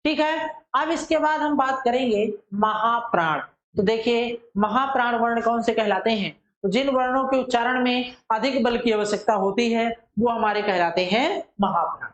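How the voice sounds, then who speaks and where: A woman teacher giving a methodical lesson. She asks questions and answers them herself, and she draws syllables out slowly to demonstrate them. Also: a little high, reverberant, muffled recording. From India. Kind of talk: classroom-style lesson.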